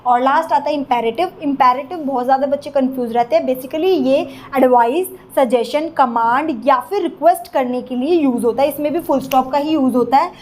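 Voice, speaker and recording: A woman's voice: sits high, fairly quick, hardly any pauses, slight background noise. A young Indian woman with an Indian accent, teaching in an explanatory exam-prep lecture and often checking in with her students.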